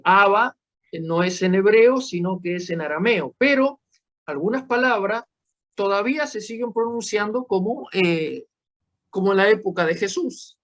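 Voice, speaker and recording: A man teaching a class in a slow, explanatory way, often checking that students follow. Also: high-pitched. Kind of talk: classroom lesson.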